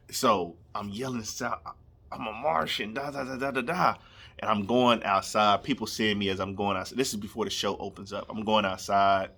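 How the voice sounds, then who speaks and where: A man's voice: fairly low pitch, fairly bright tone. A young man, telling a comedic story casually and animatedly, laughing and acting out scenes. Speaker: storyteller vlogger.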